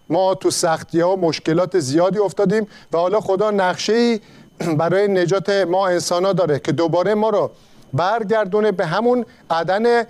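A man giving a sermon and reading scripture, speaking in a measured way with frequent pauses between phrases. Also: high voice, a little mellow. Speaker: preacher.

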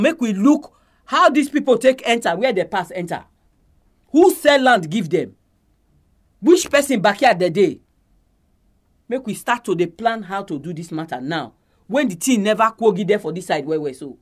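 Nigerian male prayer leader, high-pitched voice, speaking Pidgin to guide a group.

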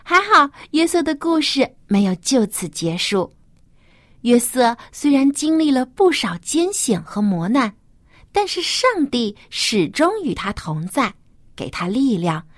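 A woman with a fairly high, animated voice hosts a children's Bible program. She speaks as if reading to a toddler, putting simple questions straight to the little listener. The sound is dry and close. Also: no echo. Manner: addresses small children directly with simple rhetorical questions.

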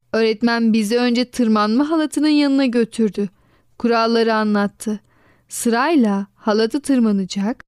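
A woman narrating a children's storybook in an expressive reading voice, giving quoted lines a lively lift. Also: a little high, clean tone, dry recording, studio quality.

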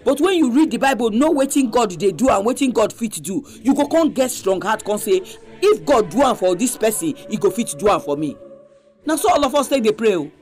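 Male host, high voice, Nigerian Pidgin accent, emphatic conversational preaching, faint music behind. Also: animated, fairly quick, a little mellow. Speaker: religious radio programme host. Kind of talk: preaching programme sign-off in Pidgin.

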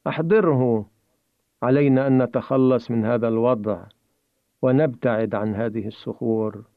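A man reading aloud voices Samir, a young male rafting companion who shouts urgent commands over rushing water. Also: medium pitch, dry recording, close to an everyday voice. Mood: urgent shouting. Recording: tinny phone-like dry recording.

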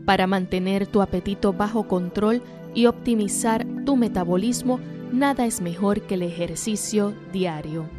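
A woman reading a scripted health segment in a clear, even, informative way. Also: mid-range voice, normal speed, music in the background.

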